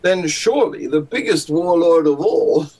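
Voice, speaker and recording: Male guest, fairly high and husky, wry, chuckles often, reasoned. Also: animated, moderate pace, mellow, rough recording. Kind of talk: casual discussion.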